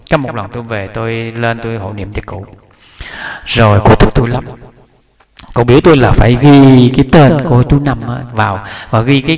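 A man's voice: mid-range voice, a little mellow. A man giving a Buddhist sermon, telling a story in a chatty way with many restarts. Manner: conversational, repetitive restarts, chuckling asides. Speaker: Buddhist preacher.

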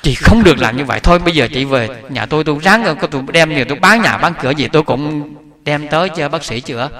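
A man's voice: on the high side, expressive, fast talker, a bit bright. A man voicing a one-legged old man who weeps for his dying sister and protests indignantly. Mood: tearful pleading. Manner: tearful, indignant pleading. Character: grieving angry old man, one-legged, sobbing and accusing.

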